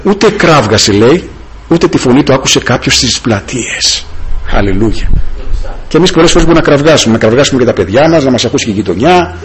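A man's voice: animated, slight background noise, poor audio. A man preaching a sermon with passion, breaking into hallelujahs. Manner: impassioned, rising and falling pitch, many hallelujahs.

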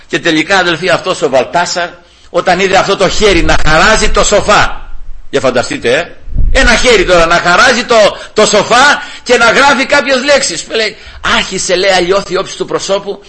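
A man delivers an informal sermon as a lively retelling of a Bible story. His voice sits high and sounds bright and forceful. He slips into the characters' voices and keeps calling out to his brothers in the congregation. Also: low-quality recording. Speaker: lay preacher.

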